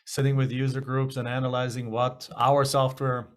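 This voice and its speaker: A man's voice: medium pitch, level tone, normal speed. German-accented middle-aged man telling stories. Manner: rambling, self-correcting, candid. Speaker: guest. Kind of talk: casual storytelling interview.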